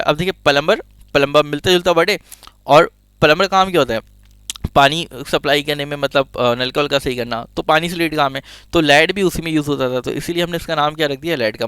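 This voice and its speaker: Male teacher, chatty and digressive, slightly high voice, smooth tone, dry close mic. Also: a bit bright, no echo. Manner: chatty, digressive, jokey asides. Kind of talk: casual explanatory lecture.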